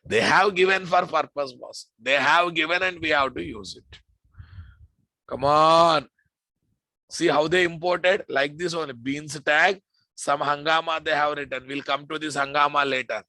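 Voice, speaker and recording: A man with an Indian accent teaches a live programming class in a forceful, bright voice. His delivery is slow and deliberate, and he often repeats phrases for his students. The sound is close and dry. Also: fairly high pitch, steady tone, dry recording, rough recording. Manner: repeats phrases, addresses listeners familiarly. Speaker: programming instructor. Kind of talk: informal live classroom lecture.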